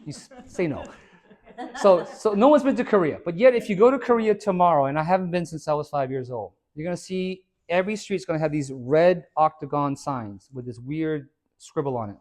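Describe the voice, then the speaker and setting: A fitness trainer with a slightly high voice talks fairly quickly to a small group inside a hair and skin salon. His informal, energetic delivery includes quizzing the audience and ending many points with "right?".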